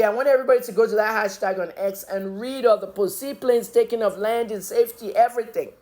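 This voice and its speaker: A middle-aged woman with a Nigerian accent giving opinionated news commentary as a journalist, emphatic, blunt and scolding. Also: on the high side.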